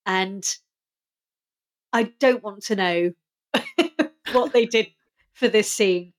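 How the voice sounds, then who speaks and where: A woman's voice: medium pitch, drawn-out words. A woman co-hosting a podcast, chatting casually as she retells and quotes scenes from an episode. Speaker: podcast co-host. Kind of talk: casual chat recapping a TV episode.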